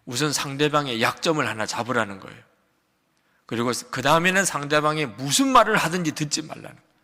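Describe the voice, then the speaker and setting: Older guy pastor preaching, bright ringing voice, big swings up and down, long church echo. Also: fast talker. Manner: dynamic preaching, swings from loud emphatic peaks to quiet low asides; acts out a shouting quarrel in quotes. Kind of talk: sermon. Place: large church sanctuary. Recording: long hall reverb of a church sanctuary.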